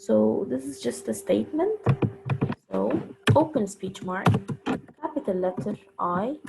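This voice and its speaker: A woman teaching punctuation in a recorded lesson, explaining each step slowly and carefully. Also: mid-range voice, expressive, vocal fry, very noisy. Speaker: English teacher.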